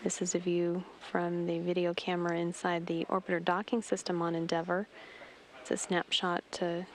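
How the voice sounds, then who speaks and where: A woman giving measured, formal live spaceflight commentary as a mission control announcer. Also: on the low side, monotone. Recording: faint noise on broadcast feed.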